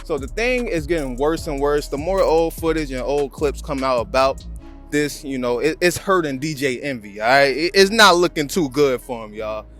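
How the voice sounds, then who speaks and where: An animated American-accented man hosts his channel, riffing casually on a video clip in slangy, conversational language. His medium-pitched voice is fairly bright and comes at a normal speed, with background music underneath.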